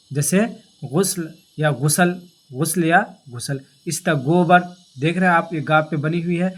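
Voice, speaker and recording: A male teacher explaining grammar in a lesson, asking questions and answering them himself, with repeated key terms and slowly stretched example words. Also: fairly high pitch. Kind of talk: classroom-style grammar lesson.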